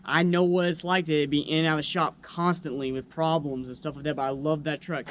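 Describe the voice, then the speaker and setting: Young male vlogger, slightly high voice, earnest and encouraging, casual delivery, faint background noise. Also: flat delivery, a little fast, a bit bright. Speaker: YouTube truck vlogger. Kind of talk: casual, unscripted vlog talk to viewers.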